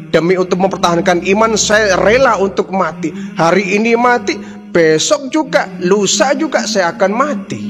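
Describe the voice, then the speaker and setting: A man voicing a devout, fearless woman servant in a preached story, making calm, firm declarations. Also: sits high, moderate pace, music in the background, pitched above the performer's own voice, close to an everyday voice. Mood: defiant.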